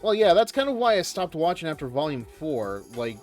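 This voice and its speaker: A man streaming a game talks in a casual, rambling way. His pitch moves around a lot as he hesitates and thinks aloud, with music faintly behind him. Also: very animated, brisk, darkish tone. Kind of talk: casual live commentary and chat.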